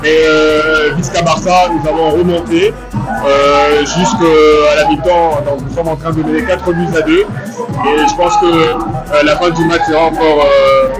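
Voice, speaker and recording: A man's voice: on the high side, little pitch movement, a little slow, poor audio. A man, a community president, answering an interviewer in a friendly, hesitant way with many fillers. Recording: very loud music behind. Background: music.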